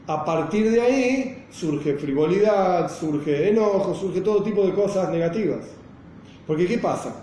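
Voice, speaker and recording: Man, Torah lesson, explanatory, rhetorical questions, mellow tone, faint background hiss. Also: high-pitched. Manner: explanatory, rhetorical questions, acts out an angry outburst. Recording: very echoey room, faint noise.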